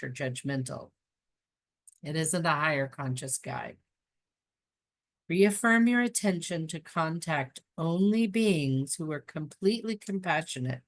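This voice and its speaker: A woman hosting a show, calmly reading aloud from a spiritual book and adding chatty asides. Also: sits low.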